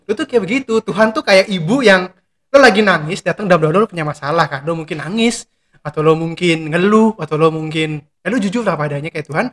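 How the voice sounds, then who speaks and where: Young man, pastor, high voice, slangy and animated, plays out little prayer scenes. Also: a little fast. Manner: slangy Jakarta-style talk, acts out prayers in quoted voices. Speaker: pastor and guest. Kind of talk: casual faith chat.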